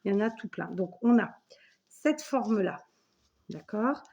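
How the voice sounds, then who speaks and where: A woman's voice: medium pitch, animated, a little slow, mellow, lo-fi sound. A woman in her forties hosting a scrapbooking video at home, chatting enthusiastically as she opens gifts and thanks the sender. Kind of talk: casual unboxing chat.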